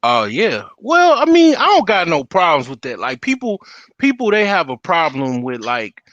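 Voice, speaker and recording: A man in a casual streamed chat who talks haltingly and repeats words while he looks for them. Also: fairly high pitch, huge pitch swings, fairly bright tone, no echo. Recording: dull lo-fi stream audio.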